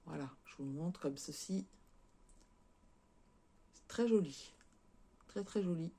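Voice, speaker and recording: A woman's voice: deep voice, lively intonation, slow pace, warm tone, husky. A French woman chatting casually as a craft vlogger, showing and unboxing cross-stitch kits, with lots of fillers and repeated words.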